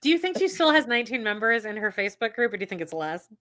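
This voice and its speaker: A woman with a Canadian accent co-hosting a podcast, throwing in sarcastic quips and quick agreement. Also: on the high side, big pitch swings, fairly bright tone. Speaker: podcast co-host. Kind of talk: snarky casual watch-along chat.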